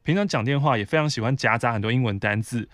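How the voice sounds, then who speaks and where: A man's voice: medium pitch, fast, no echo. A man from Taiwan hosts a podcast and reads a listener's letter aloud, adding short asides as he goes. His voice sits in a mid range for a man. The recording is dry and close, with no room sound. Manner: conversational reading with brief asides. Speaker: podcast host.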